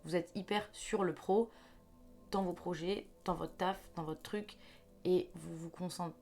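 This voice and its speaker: Speaking a little slowly, a young woman with a lowish, slightly mellow voice and fairly even intonation does an intuitive card reading for her viewers. She's chatty and reassuring, with fillers and restarts, and faint music plays in the background.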